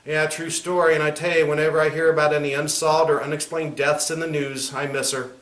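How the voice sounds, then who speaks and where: A man playing a crude, cynical clown pitchman in a spoof infomercial, swearing and mock-sincere as he sells insulting greeting cards. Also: level tone, a little fast, a bit bright, lightly acted. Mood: dry, mock-sincere. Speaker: comedian in character as a clown. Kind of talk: spoof infomercial sales pitch with recited rhyming card verses. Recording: roomy echo, faint background noise.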